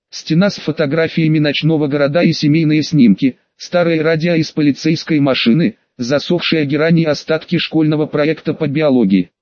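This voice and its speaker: A man reading an audiobook in a steady, even narration. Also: a little high, no room sound. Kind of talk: scripted narration. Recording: dull dry lo-fi sound.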